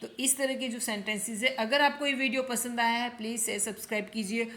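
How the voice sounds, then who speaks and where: A woman teaching English grammar, slowly repeating each example sentence and explaining it. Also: fairly high pitch, fairly even intonation, fairly bright tone.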